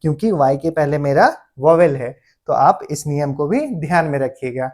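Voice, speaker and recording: A man teaching a grammar lesson. He explains patiently, often slows down to dictate words one at a time, and checks in with his listeners as he goes. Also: fairly high pitch, darkish tone. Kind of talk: classroom-style grammar lesson.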